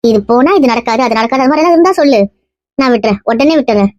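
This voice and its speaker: A woman's voice: a little high, animated, a little mellow. A woman playing a mother who scolds and teases her daughter in a family skit. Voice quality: scolding, teasing, rapid. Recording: dull dry lo-fi sound.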